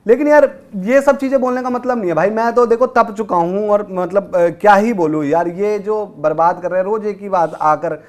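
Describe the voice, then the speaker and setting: A man's voice: high-pitched, moderate pace, few pauses. A man co-hosting a cricket talk show, speaking bluntly and heatedly in casual panel chat. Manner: heated, blunt, recites verse.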